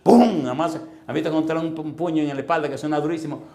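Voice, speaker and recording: A middle-aged man preaching a sermon in a church, telling comic stories with sudden loud bursts and sound effects and putting questions straight to the congregation. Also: a little high, steady tone, rapid-fire. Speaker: pastor. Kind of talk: sermon with comic personal anecdotes.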